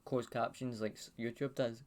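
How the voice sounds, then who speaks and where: A man's voice: medium pitch, flat delivery, normal speed, darkish tone. A Scottish man hosting a podcast, chatting casually over a video call in a blunt, sweary, laid-back way. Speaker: podcast host. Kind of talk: casual chat. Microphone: webcam video call.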